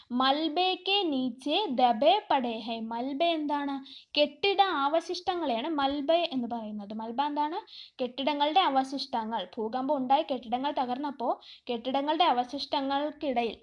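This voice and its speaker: A woman with a high voice teaches a class, slowing down to read a line and then quizzing herself on it. She asks a question and answers it right away. The recording is dull and lo-fi. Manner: reads slowly, then explains line by line. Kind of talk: classroom lesson explaining a play.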